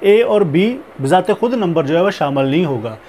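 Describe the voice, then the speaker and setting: A man teaching a recorded math lecture, explaining step by step in a slow, deliberate way, mixing in English math terms and leaning on repeated filler phrases. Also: fairly high pitch, lively intonation, darkish tone, a little hiss or hum.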